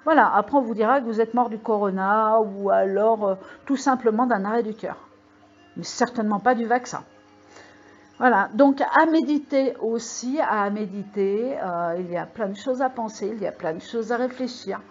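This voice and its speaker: A woman with a slightly high voice hosts her video channel, talking to viewers at normal speed in a rambling, filler-heavy way and stressing her warnings. The recording is muffled, with faint music and computer mail alerts behind her.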